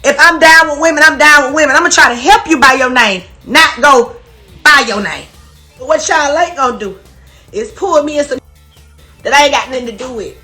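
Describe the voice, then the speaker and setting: A woman's voice: high-pitched, pushed and bright. A woman crying as she makes an emotional, defensive statement, swearing freely. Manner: emotional, defensive, profane ranting. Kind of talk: emotional live video statement.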